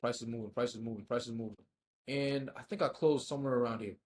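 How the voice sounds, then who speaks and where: A man going back over his own trades, frustrated and scolding himself, swinging between loud outbursts and low muttering. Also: fast. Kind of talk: self-critical screen-share trade recap.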